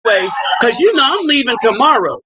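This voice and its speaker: A man hosting a live stream, talking casually in quick bursts with asides and fillers. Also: very high voice, very animated, very noisy. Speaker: livestream host.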